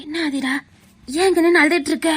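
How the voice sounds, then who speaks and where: A woman's voice: high-pitched, steady tone, brisk, natural voice. A woman playing a firm, soothing aunt. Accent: Tirunelveli Tamil. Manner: soothing yet lecturing, reasoning patiently. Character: consoling aunt, practical and firm. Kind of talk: web series drama acting.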